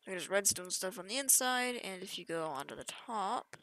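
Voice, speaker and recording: A young woman, a gaming YouTuber, chats casually through a game update over screen capture, often trailing off mid-sentence. Her mid-range voice is animated and fairly bright, moving at a normal speed. It's an offhand gameplay walkthrough.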